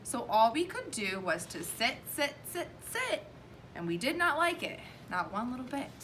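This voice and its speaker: A woman's voice: on the high side, big pitch swings, moderate pace, fairly bright tone, a little hiss or hum. A woman reading a children's storybook aloud expressively, with playful asides to her co-reader.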